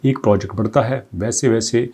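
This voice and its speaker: Reading English text aloud before unpacking it conversationally, this crypto news host speaks fairly quickly in a low, warm, husky voice. His explanatory commentary is peppered with runs of rhetorical questions.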